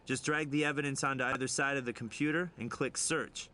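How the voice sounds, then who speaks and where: An actor playing a cocky, friendly young American lab technician, breezy and wisecracking, in scripted video game dialogue. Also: male voice, mid-range voice, fairly even intonation, a little fast, pushed and bright, lightly acted. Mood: breezy, welcoming. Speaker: crime lab technician character.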